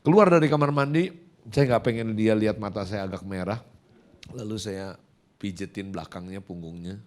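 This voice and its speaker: A man's voice: fairly low pitch, moderate pace. A male pastor, preaching a sermon through a personal story and acting out the dialogue. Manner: animated, acts out dialogue.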